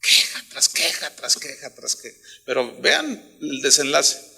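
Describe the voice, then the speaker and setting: A male pastor with a Mexican accent preaching a sermon, shifting from quiet asides to loud emphatic bursts and bluntly scolding his congregation with humor. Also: mid-range voice, very animated, unhurried, creaky, husky.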